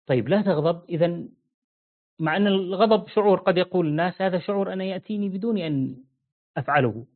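Man teaching over tinny phone-like audio. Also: a little high. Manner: quizzes listeners with repeated questions; slows down to stress key phrases. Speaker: religious teacher. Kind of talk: interactive religious lesson.

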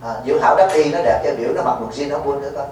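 A man's voice: mid-range voice, fairly even intonation, rapid-fire, darkish tone. A man, a Buddhist monk giving a folksy dharma talk at a retreat, teasing and quizzing his listeners. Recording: echoey hall, mic far off, faint noise.

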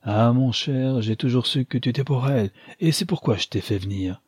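A man voicing a shrewd, commanding old grandmother in a storybook reading, teasing and sly, with a husky voice. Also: mid-range voice, moderate pace, a little mellow, no room sound, studio quality, close to an everyday voice.

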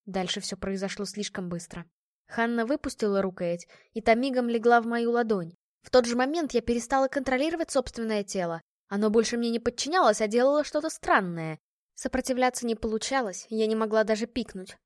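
A woman reading first-person audiobook narration in an even, measured storytelling manner on a close microphone. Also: fairly high pitch, no echo.

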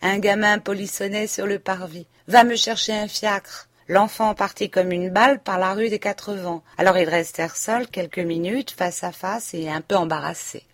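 A woman narrates a classic novel for an audiobook, reading scripted literary prose in a measured, even storytelling manner. Her voice is mid-range, and the studio-quality recording has no room sound.

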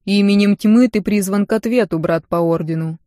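A woman voicing a blond man of a dark order with a cutting, declarative voice who teases his comrade. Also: medium pitch, moderate pace, no echo, clean studio sound, natural voice. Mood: formal.

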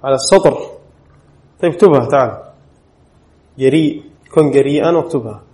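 A fast-talking man with a dark, medium-pitched voice reads an Arabic spelling rule aloud to his class and then explains it. The setting is a classroom at an Islamic studies center, and he quizzes the students with frequent short questions.

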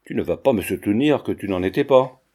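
A man voicing a gruff, bullying middle-aged customs officer in a storybook reading. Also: lowish voice, animated, a little fast, mellow. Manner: brusque, bullying.

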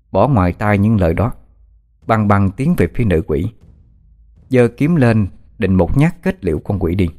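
A man's voice: fairly low pitch, a little mellow. A man narrating a horror story in a dramatic, suspenseful way.

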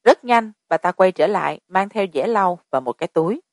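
A woman's voice: lowish voice, animated, normal speed, dry recording. Woman narrating a story, dry close sound. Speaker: audiobook narrator.

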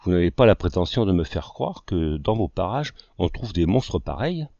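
An audiobook narrator with a low, dry, close male voice plays a fussy young artist who loves to argue, speaking in a sing-song, mellow way at a moderate pace. The mood is protesting, there's no room sound, and the recording's top end is slightly dull and muffled.

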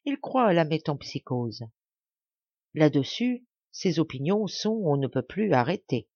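A woman narrating a fable in an audiobook, reading in a measured, even way. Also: low-pitched, no room sound, muffled recording. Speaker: audiobook reader. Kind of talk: storybook narration.

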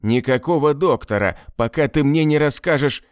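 A man's voice: fairly high pitch, moderate pace, dry recording, studio quality, voice pushed up, lightly acted. Man doing a sneering cruel interrogator. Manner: harsh, sneering. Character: cruel hot-tempered male interrogator officer.

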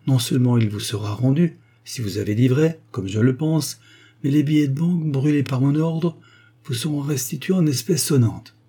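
Guy voicing bossy rich heiress, cool and firm, husky. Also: mid-range voice, normal speed, dark tone, voice pushed up, natural voice. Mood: gracious. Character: commanding wealthy young woman.

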